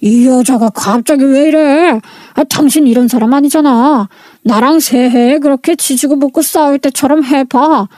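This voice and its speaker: A woman's voice: high voice, normal speed, a little mellow, no echo, natural voice. A woman voicing a defensive, irritable husband caught cheating. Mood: irritated.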